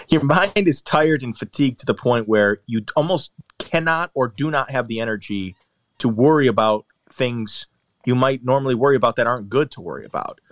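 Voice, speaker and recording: A golfer who is a regular guest on a podcast chats casually, telling long, rambling, self-deprecating stories into a close mic. His voice is medium-pitched and animated, moving at a normal speed.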